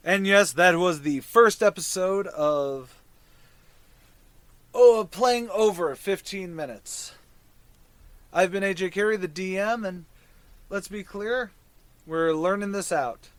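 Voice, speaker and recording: A man's voice: high voice, takes it slowly, long pauses, no echo. A man casually narrating a tabletop fantasy game as the dungeon master and host.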